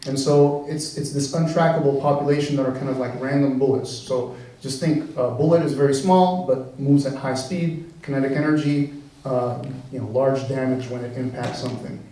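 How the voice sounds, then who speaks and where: A man giving a conversational science lecture, easygoing and full of "uh" and "you know." His voice is mellow and dark. He was recorded from a distance in a large hall that rings with echo. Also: medium pitch, normal speed. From born in the US, raised in Venezuela. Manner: relaxed, conversational, many fillers and restarts. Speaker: engineering professor giving a talk. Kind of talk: public science talk. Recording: very echoey room, mic far off.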